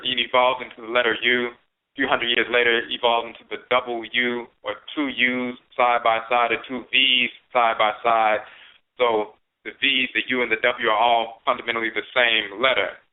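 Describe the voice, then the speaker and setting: A man teaching on an internet radio program, his voice sitting at an ordinary middle pitch. He speaks slowly and deliberately, repeating key words as he explains them. The sound is thin and narrow, like a phone call. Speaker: radio show host and teacher. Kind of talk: spiritual lecture on internet radio.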